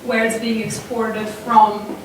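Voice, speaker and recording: Woman moderator, higher flat voice, distant, very echoey, noisy. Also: slow. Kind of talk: panel discussion. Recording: echoey hall from far off, noise.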